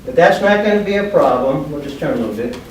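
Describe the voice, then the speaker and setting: A man's voice: on the high side, animated, fast talker. An older man, in his sixties or so, giving an instructional martial arts demonstration in short, plain, step-by-step phrases. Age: older, about 60s. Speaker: judo instructor. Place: large bare padded indoor training room. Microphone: distant camera microphone. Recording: echoey room, far microphone, background noise.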